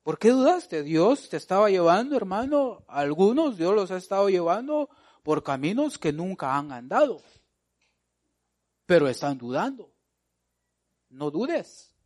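A man preaching a sermon. He calls out to the congregation with repeated rhetorical questions and swings between loud exhortation and quiet, drawn-out asides. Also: high-pitched, very animated.

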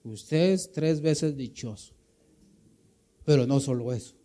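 A man's voice: medium pitch, slow pace, warm tone. A man with a Guatemalan Spanish accent preaching a sermon, emphatic and full of rhetorical questions, often calling listeners brother.

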